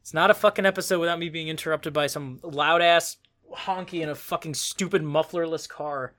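Bright, high-voiced sarcastic man. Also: steady tone, brisk. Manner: profane, sarcastic, ranting. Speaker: podcast co-host. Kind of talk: casual podcast chat.

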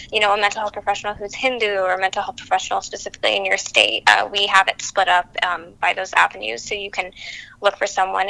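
An upbeat, chatty woman speaks as a guest on a podcast and laughs easily. Her voice has a gravelly fry under a bright, forward edge. She keeps it relaxed and conversational. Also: medium pitch, rough recording. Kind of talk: casual chat.

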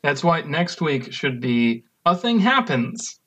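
A man's voice: on the high side, sing-song, slow pace, a bit bright, lo-fi sound. A man co-hosting a casual podcast, joking dryly and chuckling often. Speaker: podcast co-host.

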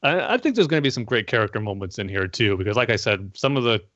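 A man on a casual podcast, giving a measured review with lots of hedging and fillers. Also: on the low side, very animated, a bit bright, no echo. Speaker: podcast co-host. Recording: dull lo-fi dry sound.

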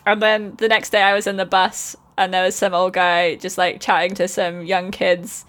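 A woman's voice: fairly low pitch, flat delivery, normal speed, a bit bright. A woman from Wales hosting a podcast, chatting casually and joking with friends. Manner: chatty, jokey, laughs often. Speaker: podcast host. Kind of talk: casual group chat.

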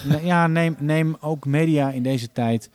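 A man, a podcast guest talking casually and thoughtfully, often pausing and restarting his sentences. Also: a little high, darkish tone, no room sound. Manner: thoughtful, many hesitations and restarts.

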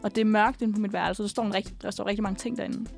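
A young woman telling a personal story in a casual chat, animated and full of fillers. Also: medium pitch, gravelly, faint music behind.

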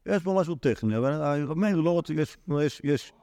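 A man's voice: a little high, animated, mellow, dry recording. A man, a rabbi teaching a Talmud class to students, reading the text aloud and then explaining it in everyday speech with many restarts.

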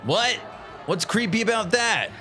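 A man's voice: high voice, big pitch swings, a little slow, sharp tone, faint music behind. A man playing a tabletop game with casual in-character banter.

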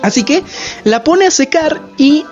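A woman's voice: high-pitched, lively intonation, a little slow, darkish tone, muffled recording, soft background music. A woman with a Mexican accent, hosting a podcast and recapping an anime plot in a casual, sarcastic, slangy way. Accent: Mexican Spanish. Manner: slangy, sarcastic, filler-heavy retelling. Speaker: podcast host.

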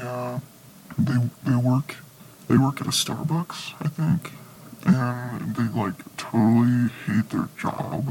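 A man co-hosting a casual comedy podcast, talking slowly in a gravelly, fry-laden voice. He rambles through crude improvised jokes full of fillers. A faint noise sits behind him. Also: mid-range voice, a little mellow, rough recording. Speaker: podcast co-host.

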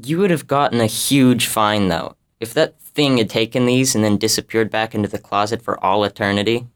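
Woman voicing a scared young boy, low and hushed, storybook. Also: moderate pace, smooth. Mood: apologetic. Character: nervous young neighbor boy.

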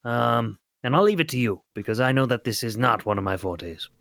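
A man's voice: mid-range voice, animated, fairly quick, vocal fry, a bit bright, dry recording, studio quality. A man playing a tabletop role-playing game, talking in a hesitant way with many fillers. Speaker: player. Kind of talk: tabletop role-play chat.

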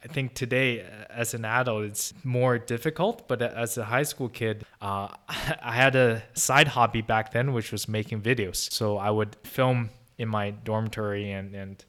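Here a young Chinese-born man, Chinese being his native tongue, is an easygoing interview guest on a podcast. His lowish voice has a fairly bright quality, a steady tone, and a normal speed with hardly any pauses. Still, he speaks thoughtfully, restarting a lot and using many fillers.

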